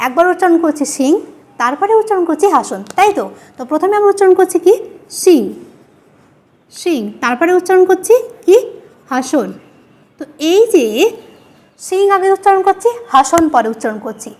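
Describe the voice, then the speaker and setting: A woman teaching an exam-prep grammar lesson, asking her students questions and answering them herself, repeating each key word slowly. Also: very high-pitched, animated. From West Bengal.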